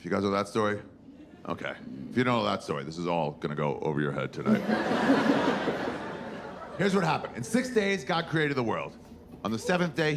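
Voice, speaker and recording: A man's voice: fairly low pitch, a bit bright, a little hiss or hum. A man in his forties doing stand-up on stage, telling crude, wry stories. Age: 40s. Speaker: comedian. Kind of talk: stand-up comedy. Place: stage before a live audience.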